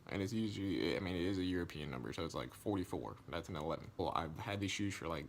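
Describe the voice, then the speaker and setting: Low-voiced young man telling a story. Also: quick pace, creaky, slight background noise. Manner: animated, acts out quoted lines, rises in pitch when indignant; loose slangy speech with many likes and restarts. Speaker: vlogger. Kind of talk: casual storytime vlog.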